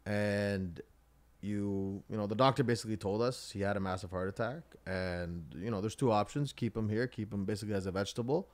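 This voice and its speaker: Male podcast host, lowish voice, halting and informal, casual interview chat.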